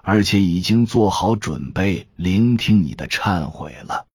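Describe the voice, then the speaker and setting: A man voicing a calm, grave middle-aged priest who speaks in a solemn, measured way. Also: deep voice, breathy edge, dry recording, clean studio sound, exaggerated voice.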